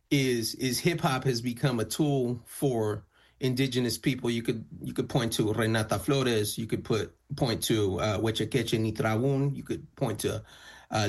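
A male musician guest, a native Spanish speaker, answers interview questions with care, often restarting phrases and using fillers. His voice sits at a medium pitch, with a steady tone and normal speed.

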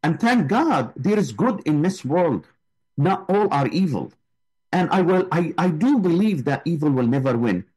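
A man's voice: fairly high pitch, very animated, normal speed, darkish tone, slightly rough, low-quality recording. A man, a guest speaking with passion and emphasis in an interview. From Gaza. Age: 60s. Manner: impassioned, emphatic. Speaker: guest, flotilla volunteer. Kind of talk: interview answers.

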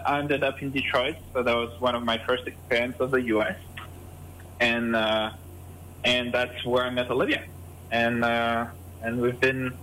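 Guest with a French accent, thirties, bright tense voice, hesitant and restarting. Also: male voice, mid-range voice, slight background noise, low-quality recording. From France. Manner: hesitant, many fillers and restarts. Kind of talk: casual interview answers.

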